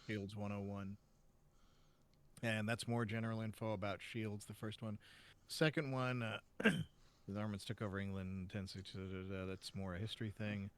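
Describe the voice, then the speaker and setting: A man's voice: fairly low pitch, normal speed, clear, resonant tone, no echo. A man chatting casually while playing a mystery game, thinking aloud about clues. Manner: relaxed, thinking aloud with fillers. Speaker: game co-player.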